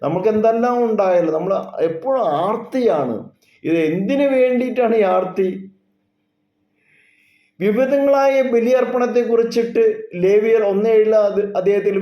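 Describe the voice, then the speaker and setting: A man preaches a sermon in slow, measured phrases and lingers on key words. His voice sits high for a man. The recording is dull and lo-fi, with a roomy echo around him. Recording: echoey, dull lo-fi room sound.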